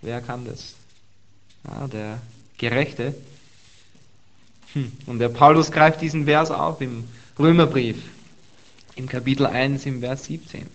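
A man's voice: medium pitch, moderate pace. Earnest male preacher, dull recording. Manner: earnest, stresses and repeats key words. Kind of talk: sermon with Bible reading.

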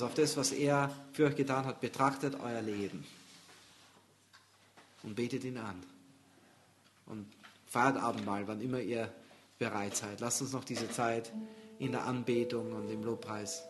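Male pastor, mid-pitched, preaching with emphatic readings and soft personal appeals. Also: fairly even intonation, unhurried, pauses often, soft background music. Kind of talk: sermon.

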